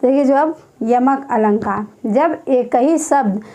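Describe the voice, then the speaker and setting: A young woman with a high voice teaches a Hindi grammar class. She speaks slowly and repeats each phrase again and again, as if dictating to students while she writes. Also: warm tone. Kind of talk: exam-prep grammar lesson.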